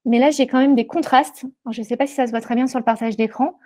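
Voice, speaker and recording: This woman's voice sits on the high side and is mellow, with fairly even intonation and a fast pace. She's leading a live product webinar demo via screen share through an earpiece headset, frequently hesitating, filling gaps, and starting over.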